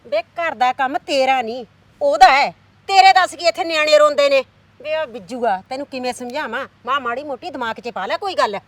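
A woman's voice: sits high, brisk, few pauses, no room sound. A woman playing a scheming middle-aged village aunt who nags, coaxes and stirs up trouble. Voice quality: loud, nagging, coaxing. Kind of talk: village drama acting.

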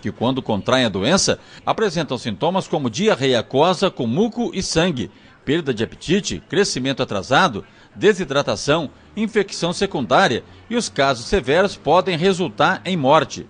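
A man's voice: fairly high pitch, very animated, moderate pace, husky. A man narrating a local news report in a formal reporting tone.

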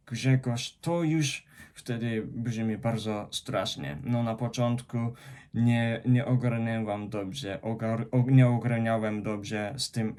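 A man's voice: medium pitch, darkish tone. A young man from Japan, speaking in a Japanese accent and working carefully through his words in a casual vlog, often stopping and restarting on hard sounds. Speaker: vlogger.

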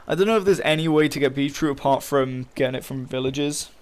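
A young gaming channel host gives casual, frustrated commentary as he plays, swearing often and talking to his viewers. His mid-range voice is brisk with a clean tone.

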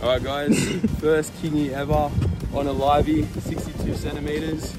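A young man shouts encouragement from a harbour pier, his voice sitting a little high and full of excitement. Loud music plays over the outdoor scene. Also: normal speed. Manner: excited, urging and exclaiming. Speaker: angler. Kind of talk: live excited commentary.

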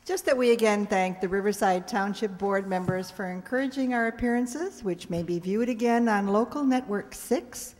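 A woman in her sixties from a radio players group delivers semi-scripted thanks and closing announcements from the stage of a community hall, speaking at a normal speed with hardly any pauses. Her mid-range voice is a little mellow, picked up from a stage stand mic by an audience camera, with echoey hall sound.

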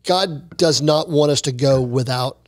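A man in his forties co-hosting a church podcast, talking in an earnest, encouraging way on a close boom mic in a small studio. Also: unhurried, dry recording. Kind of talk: casual chat. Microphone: boom mic close to mouth.

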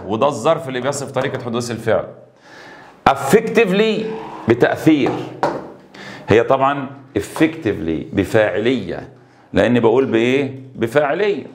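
In a noisy setting, a medium-pitched man with an Egyptian Arabic accent gives an English exam-prep lesson. He reads English words slowly, then explains them quickly in Arabic, stressing the key words.

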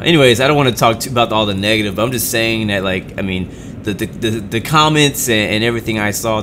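With game audio rumbling behind him, a man hosting a gaming channel chats loosely while he plays. His commentary rambles along, full of fillers and false starts.

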